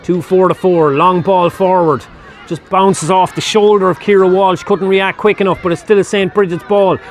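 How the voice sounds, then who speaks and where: Here a man with an Irish accent commentates play by play on a live match, keeping a steady tone at normal speed. His voice climbs sharply in both pitch and volume whenever a scoring chance arrives.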